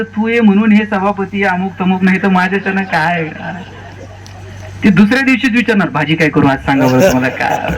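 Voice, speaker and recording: High-voiced man lecturing on stage. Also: rough recording. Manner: storytelling, acts out quoted dialogue with shifting pitch. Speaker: public speaker. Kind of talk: motivational lecture with humorous stories. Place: stage at a lecture series before an audience.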